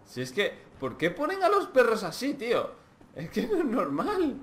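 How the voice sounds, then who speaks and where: Spanish guy from spain commentating a game, swears a lot, bright pushy voice. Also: very high voice, normal speed, a little hiss or hum. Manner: excitable, swearing, talking to himself. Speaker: let's play host. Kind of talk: gameplay commentary.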